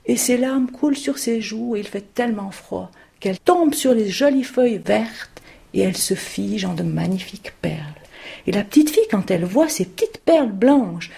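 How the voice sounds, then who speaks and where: A woman storyteller telling a fairy tale aloud, expressive and full of rhetorical questions to her listeners. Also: mid-range voice, moderate pace, creaky.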